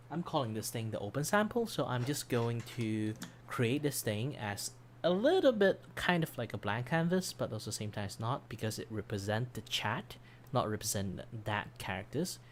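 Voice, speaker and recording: Chatting on a livestream, a streamer and commission artist rambles in a self-deprecating way as he loses his voice. He speaks at a normal speed with a medium pitch and big swings in pitch. Background music sits under his voice, and there's a little hiss or hum.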